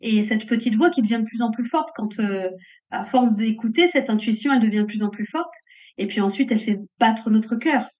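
A woman's voice: on the high side, a little fast, a little mellow. A middle-aged woman entrepreneur speaking reflectively and earnestly as an interview guest. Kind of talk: casual interview conversation. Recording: muffled lo-fi audio.

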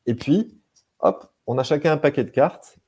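A man's voice: a little high, normal speed, darkish tone, breathy edge. A man talking as a game designer and translator in casual chat, enthusiastic, often restarting and repeating words.

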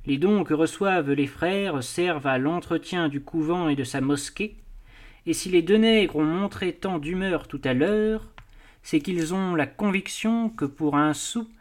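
A man voicing a courteous, smooth-talking prince in an audiobook, explaining things patiently and politely. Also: on the high side, unhurried, close to an everyday voice. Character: suave courteous male prince, smooth talker. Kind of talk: audiobook dialogue reading.

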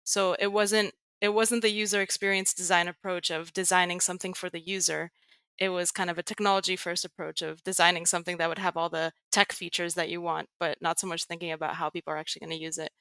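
A fast-talking young woman with a fairly low, level voice and a smooth, fairly bright tone, recorded without room sound. Originally from Greece and speaking with an American accent, she's a tech writer and educator guesting on a podcast interview, explaining patiently amid frequent fillers.

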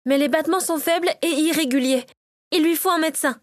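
A woman's voice: sits high, a little fast, no echo, studio quality, pitched above the performer's own voice, close to an everyday voice. A woman voicing a determined former war nurse in a storybook reading, speaking in a firm, practical way. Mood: urgent.

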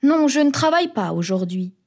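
A woman voicing a calm, friendly uncle in a children's storybook. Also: sits high, fairly quick, full character voice. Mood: gentle. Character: friendly uncle, a grown man.

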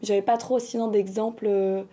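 Twenties woman from switzerland, mellow warm voice, hesitant, lots of euh while she thinks. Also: medium pitch, steady tone, fairly quick. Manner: hesitant, thoughtful, many fillers. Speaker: podcast guest. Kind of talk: casual podcast conversation.

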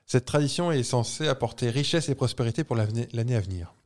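A man co-hosting a casual podcast, quizzing his friend in a teasing, playful way. He laughs easily and talks in a loose, friendly register, with a voice of middling pitch. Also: lively intonation, fast, a little mellow. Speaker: podcast co-host. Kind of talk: casual chat quiz.

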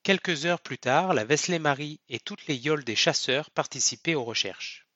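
A man narrating a novel aloud in a steady, expressive storytelling manner. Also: fairly high pitch, moderate pace, dry recording, dull audio. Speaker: audiobook narrator. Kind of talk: scripted narration.

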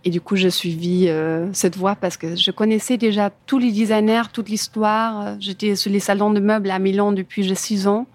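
In a casual interview, a German furniture designer describes her own career in imperfect French, often searching for words and carrying a German accent as a native German speaker. Her voice is mid-range, level and a little mellow, at a moderate pace with hardly any pauses.

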